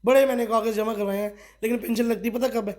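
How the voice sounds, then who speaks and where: A middle-aged district party official from Kathua, Jammu and Kashmir, gives a local news interview in a notably high voice. Speaking fast in a steady tone, he pushes his complaints forcefully and relies heavily on rhetorical questions.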